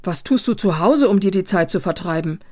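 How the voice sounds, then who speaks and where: A woman's voice: fairly low pitch, animated, brisk, a little mellow. A woman voicing a scornful, mocking old male scholar while reading a novel aloud. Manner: teasing, scolding.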